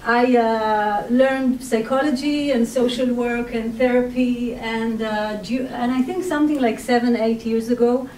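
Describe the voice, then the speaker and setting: A woman with an Israeli accent talks reflectively to an audience, pausing often and searching for words. Her voice sits fairly high. She is picked up from a distance, with roomy echo around her. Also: fairly even intonation, darkish tone, slight background noise. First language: Hebrew. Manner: reflective, hesitant, many pauses and fillers. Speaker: sex and relationship therapist. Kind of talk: personal talk to an audience. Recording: distant mic in an echoey room.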